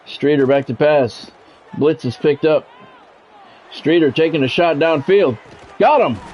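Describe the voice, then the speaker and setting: Husky and darkish, yet on the high side, an American man's voice unhurriedly delivers live football video game play-by-play. He uses clipped radio-sportscaster phrasing and chats casually with viewers on his stream. The recording is a dull lo-fi mic with background music.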